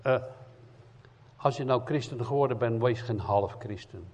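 A man preaching a sermon in as an evangelist, emphatic, swinging between loud cries and quiet earnest asides. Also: medium pitch, moderate pace, slightly rough. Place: church hall. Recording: dull lo-fi sound in a reverberant church hall.

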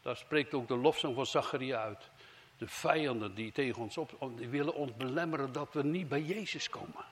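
A man preaching a sermon with fervor, swinging between loud emphatic phrases and low hushed ones. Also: moderate pace.

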